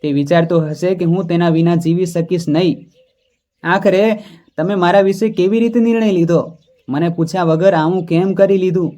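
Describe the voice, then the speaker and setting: A man voicing a stubborn, quick-tempered young wife who speaks sharply and indignantly. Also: high-pitched, steady tone, warm tone, close to an everyday voice. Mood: angry.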